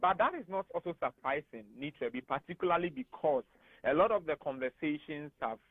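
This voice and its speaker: A man with a Ghanaian English accent, speaking as a guest analyst on a radio talk show, animated and emphatic. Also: a little high, fairly quick, dry recording. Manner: animated and emphatic, laughs often. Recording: tinny phone-like radio studio sound.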